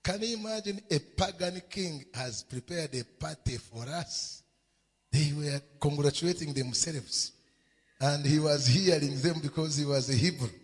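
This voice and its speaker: Emphatic preacher in echoing church. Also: male voice, fairly high pitch, measured pace, slightly rough. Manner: emphatic, repetitive preaching with sudden shouts. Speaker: pastor. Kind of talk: sermon. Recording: long hall reverb in a church.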